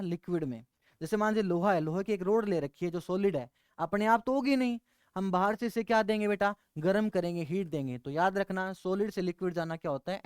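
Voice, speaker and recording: A man's voice: high-pitched, a little mellow, clear, resonant tone, no room sound, studio quality. A man teaching a chemistry lecture, asking his class questions and answering them himself. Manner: asks questions and answers them himself, calls students beta.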